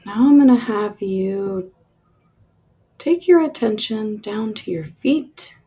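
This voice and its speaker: A woman with a somewhat high, husky, creaky voice guides a relaxation meditation, delivering soft, drawn-out instructions slowly yet with animation. Her phrases trail away into breathy releases.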